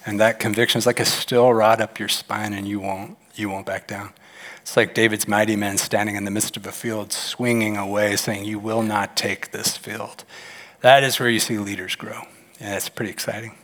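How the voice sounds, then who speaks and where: A man preaching a sermon as a pastor, animated and telling stories, sometimes acting out the voices in them. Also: brisk. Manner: animated, acts out quoted voices with big pitch jumps. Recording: long hall reverb.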